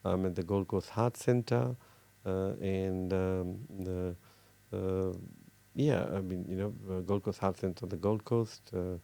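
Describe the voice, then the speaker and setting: A middle-aged man from Fiji, a cardiologist, talking earnestly in an interview with many pauses and restarts. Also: deep voice, steady tone, creaky, mellow. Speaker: cardiologist guest. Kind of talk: casual interview talk.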